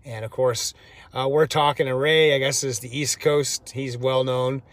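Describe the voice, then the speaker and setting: A man's voice: medium pitch, steady tone, unhurried. Rambling, chatty man in his fifties. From Georgia, US. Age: 50s. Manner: rambling, chatty, with frequent fillers and self-corrections. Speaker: vlogger. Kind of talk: casual first-person storytelling to camera. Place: outdoors in front of his house, near construction. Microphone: handheld camera held by the speaker. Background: faint street and construction noise.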